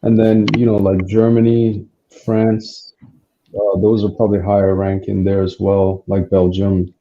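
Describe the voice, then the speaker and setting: A man rambles through a casual group chat, his speech full of fillers. His voice is low and very dark, and it comes through dull, muffled call audio. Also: completely flat delivery, measured pace, slight background noise.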